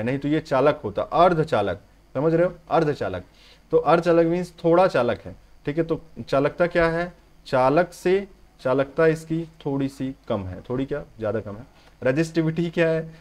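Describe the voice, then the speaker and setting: A man's voice: mid-range voice, darkish tone. A man teaching electrician trade theory in a lecture, often checking "okay?" with the students and telling them to listen carefully. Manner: repeats "theek hai" and addresses "students" constantly; explains step by step, urges listeners to pay attention. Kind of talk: Hindi classroom-style lecture.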